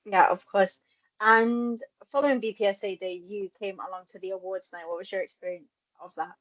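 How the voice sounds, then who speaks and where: Young woman interviewer, medium pitch. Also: steady tone, fairly quick, fairly bright tone, highs cut off. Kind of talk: conversational interview hosting.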